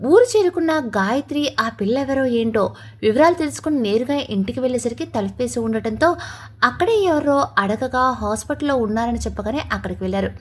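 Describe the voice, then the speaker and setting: A woman with a high voice narrates a family drama story. Her reading is scripted and emotive, pushing the drama along. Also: animated, fairly quick.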